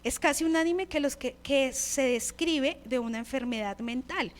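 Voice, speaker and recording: A woman's voice: high-pitched, moderate pace. A woman preaching a sermon, firing off rhetorical questions and answering in God's voice, and reading commentary passages aloud.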